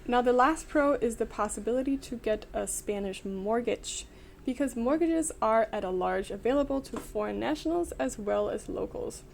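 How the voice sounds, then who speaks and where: Young danish-born woman vlogging, upbeat and clear, highish mellow voice, faint hiss behind. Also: normal speed. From Denmark. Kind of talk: scripted explainer narration.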